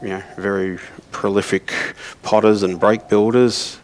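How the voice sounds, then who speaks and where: A man from Australia co-commentating a snooker match, rambling through stories with many pauses and ums. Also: on the low side, level tone, slight background noise. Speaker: co-commentator and former player. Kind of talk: relaxed snooker commentary and anecdotes.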